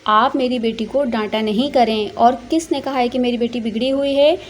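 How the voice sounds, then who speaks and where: A woman's voice: high-pitched, fairly even intonation, moderate pace, a little mellow, a little hiss or hum, lightly acted. A woman voicing a doting, indulgent wealthy father who coaxes his daughter. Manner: indulgent, coaxing.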